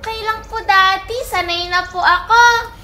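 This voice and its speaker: A polite little cartoon princess, voiced by a woman with a very high, bright, childlike voice. She speaks slowly and eagerly. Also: fairly even intonation, faint music behind, exaggerated voice. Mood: sweet. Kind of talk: animated story voice acting.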